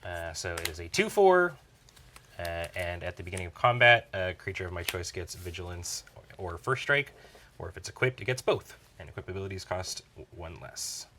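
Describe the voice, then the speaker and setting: Male card player, low bright voice, halting and filler-heavy, faint hiss behind. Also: animated. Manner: halting, many fillers and restarts. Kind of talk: casual play-by-play of his own turns.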